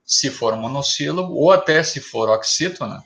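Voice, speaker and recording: A man gives a grammar lesson at a slow, deliberate pace. He sets out examples one word at a time, in a voice of ordinary middle pitch. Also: animated, a bit bright. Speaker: teacher.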